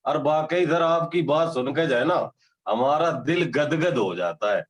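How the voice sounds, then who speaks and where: A man's voice: a little high, expressive, measured pace, poor audio. A man from Noida, a participant on a video call, rambling in lavish praise and calling the host sir again and again. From Noida, India. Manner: effusive, rambling, keeps addressing "sir". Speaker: participant giving feedback.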